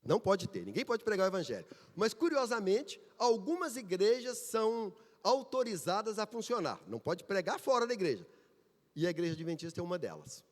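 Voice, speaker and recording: A man's voice: high voice, very animated, brisk, big-room sound. A man from Brazil, preaching a sermon and telling a story, emphatic and full of rhetorical questions and repetition. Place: church sanctuary.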